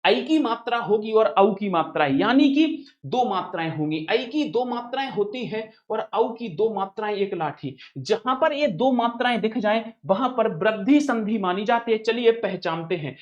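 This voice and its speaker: A man's voice: high-pitched, lively intonation, normal speed, hardly any pauses, highs cut off. A man teaching an exam-prep grammar lesson, repeating each point and asking and answering his own questions while calling viewers brother. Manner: addresses viewers familiarly as brother.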